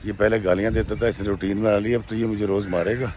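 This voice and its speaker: Man doing a meek young wife, soft, pleading, in his own low-ish voice, faint noise. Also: little pitch movement, close to an everyday voice. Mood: sad.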